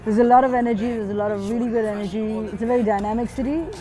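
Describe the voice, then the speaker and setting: With a rather high voice and fairly even intonation, a woman in her thirties from a Swiss upbringing, a graffiti artist, speaks rapid-fire and thoughtfully in a documentary interview, with small restarts as she thinks aloud. The recording is rough, with hip-hop underneath.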